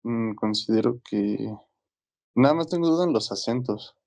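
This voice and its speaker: A man's voice: mid-range voice, animated, normal speed, gravelly, a little mellow. A man taking part in a writing workshop, giving hesitant, unsure answers. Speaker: workshop participant.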